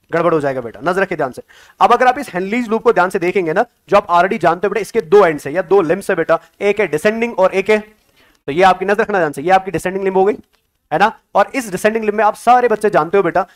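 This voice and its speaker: A man lectures on biology for exam prep in a high voice. He keeps quizzing his students, urging them on and praising quick answers, and he mixes Hindi with English terms. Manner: coaxing, calls students "beta", keeps asking questions. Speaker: biology teacher.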